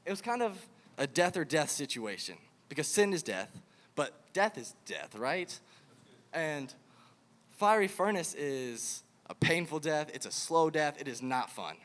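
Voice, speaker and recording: Young man, casual camp sermon, lively storytelling, higher voice, long hall reverb. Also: a little slow. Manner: animated storytelling, acts out the king. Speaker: youth camp speaker.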